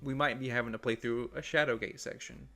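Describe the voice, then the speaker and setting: A man streaming himself playing a video game, commenting excitedly and reading text aloud. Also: mid-range voice, brisk, soft background music. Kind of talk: let's play commentary.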